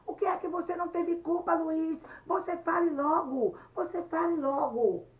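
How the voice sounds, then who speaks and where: A woman's voice: sits high, takes it slowly, voice pushed up. A woman voicing a frantic young girl who begs and demands to know where her brother is. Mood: shouting. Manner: urgent, pleading, then shouting demands. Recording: dull lo-fi sound, slightly distant, faint noise.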